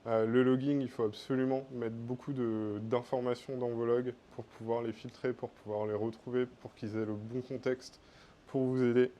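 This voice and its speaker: French man giving a meetup tech talk, mellow, relaxed delivery, slight room noise. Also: medium pitch, normal speed, dull audio. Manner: casual, many fillers. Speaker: conference speaker.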